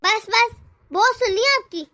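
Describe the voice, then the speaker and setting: A woman's voice: extremely high pitch, moderate pace. A woman voicing a harsh, scolding middle-aged mother-in-law in a cartoon. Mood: scornful. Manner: sharp, contemptuous. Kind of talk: cartoon voice acting.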